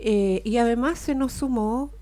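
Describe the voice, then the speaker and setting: Pitched on the high side and speaking at a measured pace, a Chilean-accented woman chats and reads sponsor spots on her casual studio radio talk show. Her manner is chatty, with warm asides, the odd laugh, and a filler "eh" here and there.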